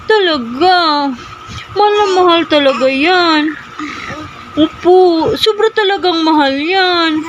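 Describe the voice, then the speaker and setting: A young mother coos to her little ones at home in a sing-song baby-talk voice, pitched very high. She draws her words out slowly and tenderly. Household noise fills the background. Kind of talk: talking to her children on a home vlog. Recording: noisy home recording.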